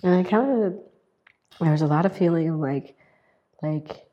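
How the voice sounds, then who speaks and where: A woman sharing a personal story in a halting way, with many fillers and restarts. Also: lowish voice, lo-fi sound. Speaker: guest sharing her experience. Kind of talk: personal testimonial.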